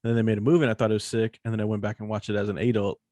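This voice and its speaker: A man's voice: fairly low pitch, flat delivery, very fast, warm tone, no room sound, clean studio sound. A man co-hosting a casual podcast, slangy and profane, joking with his co-host. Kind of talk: casual chat.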